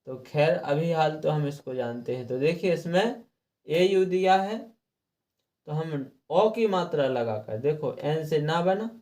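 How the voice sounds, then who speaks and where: A man's voice: fairly high pitch, animated, unhurried, darkish tone. A man teaching a lesson on English reading rules, patiently repeating each rule and spelling letters out one by one. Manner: clears throat now and then. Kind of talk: slow explanatory lesson.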